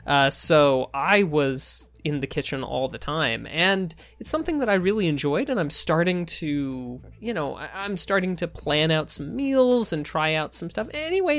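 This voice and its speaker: A man's voice: on the high side, fairly bright tone. A man co-hosting a podcast in casual chat, explaining things in a hesitant, rambling way. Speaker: podcast co-host.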